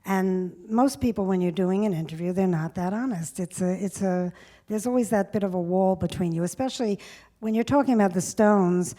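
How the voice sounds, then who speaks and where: A woman's voice: mid-range voice, a little fast, mellow. A woman in her sixties, a music journalist on stage, chatty and reminiscing as she answers questions. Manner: chatty, reminiscing, laughs often. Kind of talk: onstage conversation. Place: stage before a live audience.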